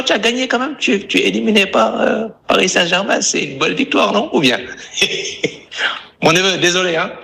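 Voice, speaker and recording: Hoarse, high-voiced man teasing and gloating, gravelly edge. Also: pushed and bright. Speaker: football fan reacting. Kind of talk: casual reaction chat.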